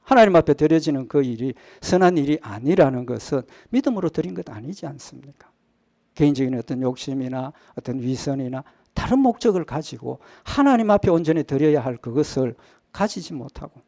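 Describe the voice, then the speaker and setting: A man's voice: a little high, vocal fry, dark tone, no echo, clean studio sound. A male pastor preaching a sermon, asking rhetorical questions and answering them himself, with his voice dropping to a near-murmur at the ends of phrases. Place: church sanctuary.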